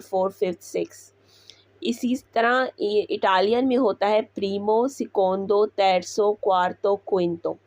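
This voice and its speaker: A woman teaching Italian words, repeating each one slowly before explaining it. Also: on the high side, no echo. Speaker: language teacher. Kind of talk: slow Italian vocabulary lesson.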